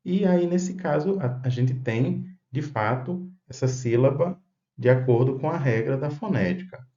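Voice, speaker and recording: A man's voice: mid-range voice, a little slow, warm tone. Methodical man teaching. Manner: patient, methodical, checks in with listeners often. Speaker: Bible teacher. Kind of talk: explanatory lesson on Hebrew phonetics. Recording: roomy, dull sound with faint guitar music.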